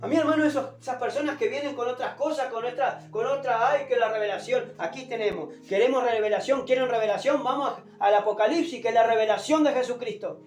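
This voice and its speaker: Preaching without amplification in an echoing room, a man with a sore, strained throat gives a fervent evangelical sermon. He speaks at a medium pitch, a little fast with few pauses, emphatically repeating phrases and addressing listeners as "brother." The roomy, distant pickup has no microphone, and music plays behind.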